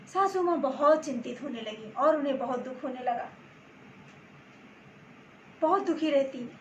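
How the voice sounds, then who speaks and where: A woman telling a story to her channel's viewers in gentle, halting phrases, with roomy echo and faint background noise. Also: high voice. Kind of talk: storytelling narration.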